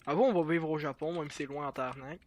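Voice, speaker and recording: A man's voice: fairly high pitch, steady tone, fast. A young man with a Quebec French accent bantering and teasing his friend while streaming a game. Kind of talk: casual gaming chat.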